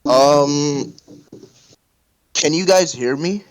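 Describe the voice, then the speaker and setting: A young man in a casual online debate, halting and repeating himself as his voice call keeps cutting out. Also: on the high side, rough recording. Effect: choppy voice call cutting out. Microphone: voice chat from a college network.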